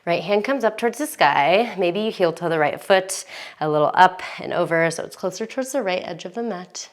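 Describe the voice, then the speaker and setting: A young woman teaching a yoga class, giving calm breath cues with sighs, a bit out of breath. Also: lowish voice, brisk. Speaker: yoga instructor.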